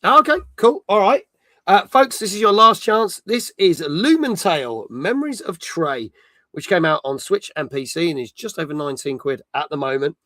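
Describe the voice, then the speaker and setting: Here a British man in his forties hosts a relaxed gaming stream, reading out comments live as he talks. His voice is pitched high, very bright and forward, expressive, and recorded close and dry at a normal speed.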